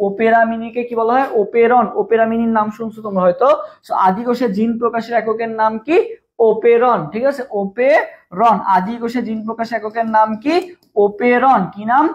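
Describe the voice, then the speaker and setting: This admission test tutor, a young man, has a very high-pitched voice with fairly even intonation and talks at normal speed. He quizzes students repeatedly during a live online class and asks them to type along in the comments, with dull lo-fi stream audio.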